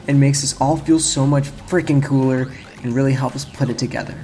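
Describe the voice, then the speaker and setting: Over game music and slight background noise, a man with a mid-range, darkish voice gives casual, rambling video essay commentary on a video game. He speaks informally and corrects himself as he goes.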